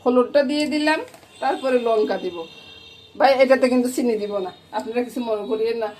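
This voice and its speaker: A woman's voice: a little high, fast talker. A middle-aged woman from Bangladesh with a Noakhali Bengali accent, chatting casually as a cooking vlogger and often checking that viewers follow her. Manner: chatty, keeps asking viewers "you get it?". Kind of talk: casual cooking vlog chat. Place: home kitchen. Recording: loud kitchen frying noise. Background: frying and sizzling.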